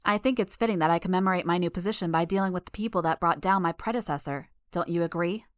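A woman's voice: on the low side, fast talker, dry recording, clean studio sound. A woman voicing a smug young female villain who speaks through a hissing gas mask, taunting her foes. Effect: robotic monotone hiss.

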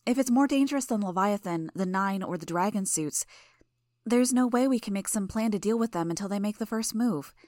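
A woman reading aloud and voicing a calm, reassuring young woman who reasons with the group. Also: mid-range voice, a little fast, no echo, clean studio sound, voice pushed up, natural voice. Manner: soothing, reasoning.

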